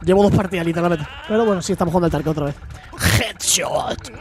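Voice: medium pitch, very fast, dark tone. Swearing streamer from Spain. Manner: swears freely, exclaims at the game. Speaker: gaming streamer. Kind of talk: casual let's-play chat with chat replies.

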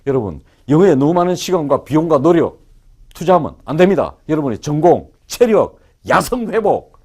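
A man teaching English to a class of students, joking and firing quick questions at them. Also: on the high side, slightly rough. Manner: animated and joking, quizzes the class. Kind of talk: lively classroom lecture.

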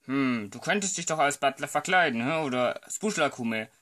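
A man's voice: animated, moderate pace, a bit bright. A man voicing every character in a homemade comedy film, playful and hesitant, jumping between voices. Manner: playful, jumps between voices with sudden pitch shifts; hesitant, many fillers. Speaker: amateur filmmaker voicing all characters.

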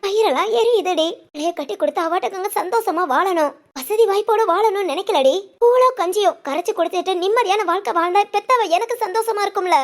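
A woman's voice: very high voice, quick pace, few pauses. A woman voicing a worried middle-aged village mother in a cartoon family drama, complaining and rambling on the phone. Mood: lamenting.

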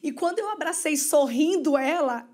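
A woman's voice: high voice, animated, normal speed, darkish tone. A woman with a Brazilian Portuguese accent, a podcast guest telling a personal story in an earnest, emotional way and acting out the voices of people she quotes. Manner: acts out quoted dialogue. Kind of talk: personal storytelling in a casual interview.

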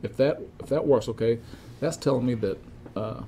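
This clip features an older man of medium pitch, a repair technician walking through equipment checks step by step. His informal instruction comes out halting and methodical. It was recorded clearly in a cluttered electronics workshop indoors, with constant room noise behind him.

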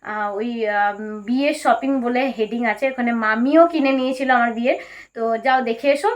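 A woman chatting casually and at length to her vlog viewers, her voice hoarse from a cold. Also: fairly high pitch, fairly quick. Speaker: vlogger.

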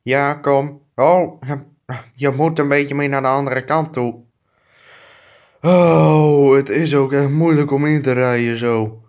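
A man's voice: medium pitch, fairly even intonation, takes it slowly, a little mellow. A man dubbing clumsy bickering neighbors. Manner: bickering, crude insults and swearing. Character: two clumsy bickering adult male neighbors. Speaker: fan dubber. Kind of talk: improvised comic fan dub.

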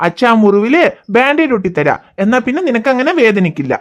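Woman voicing a soft, patient cartoon dad, calm and soothing, fairly high for a man. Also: fast talker, slight background noise. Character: gentle, patient father of small children. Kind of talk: cartoon voice acting.

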